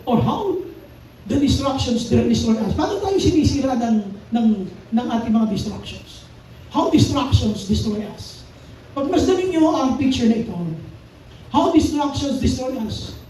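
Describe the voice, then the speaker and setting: A male pastor preaches in a high but mellow voice, moving between Tagalog and English as he reads the verses aloud. The sound is very echoey, picked up from across a church hall. Faint background noise runs underneath. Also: far from the mic. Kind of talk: sermon.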